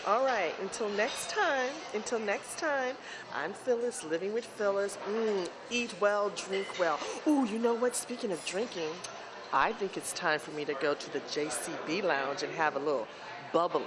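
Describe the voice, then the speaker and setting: A woman's voice: on the low side, normal speed, background noise. A woman hosting her own lifestyle show, filming herself with a handheld camera at a hotel brunch, chatty and playful, laughing between bites. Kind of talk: casual food vlog, self-filmed. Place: busy hotel brunch restaurant, indoors. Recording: loud crowd chatter in a busy restaurant. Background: crowd of diners.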